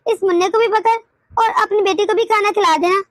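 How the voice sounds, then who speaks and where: A woman's voice: very high-pitched, fairly even intonation, fairly quick, dry recording. A woman voicing a tired old grandmother in a cartoon, complaining of a headache and grumbling. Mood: pleading tired. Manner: weary, complaining. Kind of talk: cartoon dubbing.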